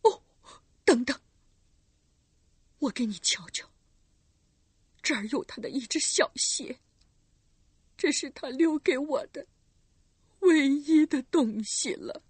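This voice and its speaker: A woman's voice: high-pitched, expressive, slow pace, long pauses, darkish tone, no room sound, voice pushed up. A woman voicing a grieving vengeful recluse mother. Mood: anguished. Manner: anguished, pleading, cries out.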